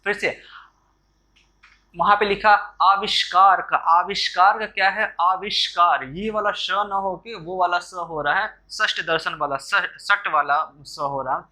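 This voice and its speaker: A man's voice: high-pitched, unhurried, pushed and bright. A man teaching correct Hindi spelling for exam preparation, going through words one at a time with frequent fillers and restarts. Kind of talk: exam-prep spelling lesson.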